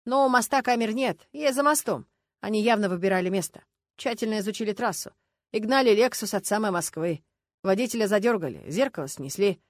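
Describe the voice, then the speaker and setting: A woman's voice: medium pitch, animated, brisk, no echo, lightly acted. A woman reading the lines of a dry, weary male traffic police lieutenant in an audiobook, matter-of-fact and official. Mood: explaining.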